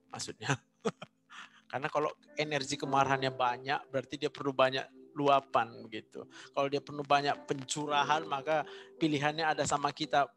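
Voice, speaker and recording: A man preaching a sermon, animated, repeating phrases for emphasis. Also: a little high.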